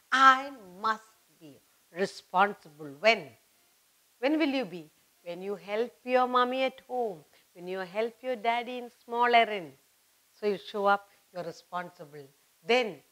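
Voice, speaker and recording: At a studio whiteboard, a middle-aged woman with an Indian accent instructs small children, firmly repeating easy phrases and asking questions. Her tone is bright and forceful at a medium pitch, captured in a rough recording.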